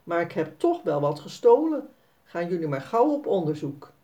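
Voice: mid-range voice, sing-song, normal speed, warm tone, close to an everyday voice. A storyteller voicing a kind, playful mother explaining a game.

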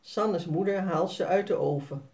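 Slow woman reading a children's story. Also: on the low side, gravelly, a little mellow. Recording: voice a bit distant from the mic.

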